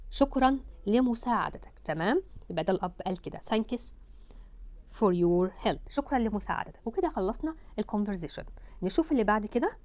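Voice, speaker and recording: Egyptian woman English teacher, higher voice with a lively, swinging pitch, slow drawn-out English words, dry close sound. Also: no room sound. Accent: Egyptian Arabic. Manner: repeats English words slowly, drawn out, then translates. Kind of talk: Egyptian Arabic English lesson.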